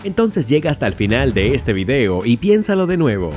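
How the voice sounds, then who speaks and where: Male teacher, scripted lesson read. Mellow tone, very animated melody, careful slow delivery of example words. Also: medium pitch, soft background music. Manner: says English example words slowly and carefully, then glosses them. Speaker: English teacher.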